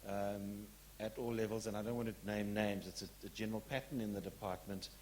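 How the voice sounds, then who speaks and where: Low-voiced man speaking frankly. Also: little pitch movement, a little fast, darkish tone, a little hiss or hum. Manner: earnest, frank and insistent, with hesitant restarts. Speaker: audience member asking a question. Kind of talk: public lecture question from the floor.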